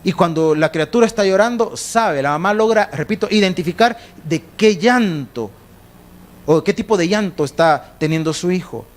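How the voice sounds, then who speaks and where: A man's voice: sits high, expressive, normal speed. A middle-aged man, preaching a sermon as pastor, acting out little scenes in other voices. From El Salvador.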